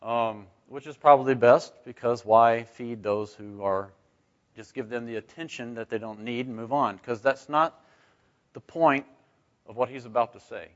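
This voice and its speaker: In a dull, muffled lo-fi recording, a man leads an informal Bible study for a group. He speaks at medium pitch and a moderate pace, keeps it conversational, and often puts rhetorical questions to his listeners, asking "right?"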